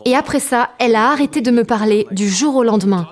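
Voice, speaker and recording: A woman giving a calm, measured personal testimony as a translated voice-over. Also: fairly high pitch. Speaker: testimony narrator.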